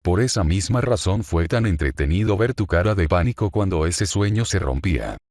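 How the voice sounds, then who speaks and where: A man's voice: deep voice, animated, moderate pace, a little mellow, no echo. A man voicing a cruel, taunting female fallen angel in a fan story reading, in a mocking, gloating manner.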